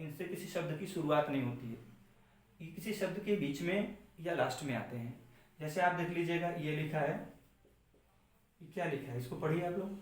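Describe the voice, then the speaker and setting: A man teaching a lesson on letter sounds, slowly explaining and answering his own questions. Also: on the high side. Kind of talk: classroom lesson on pronunciation. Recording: far-off mic in echoey room.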